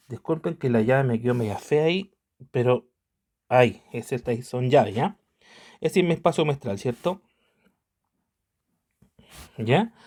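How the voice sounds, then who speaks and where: A man's voice: mid-range voice, a little mellow. Patient man teaching a math lesson. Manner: patient, checks in constantly with tag questions.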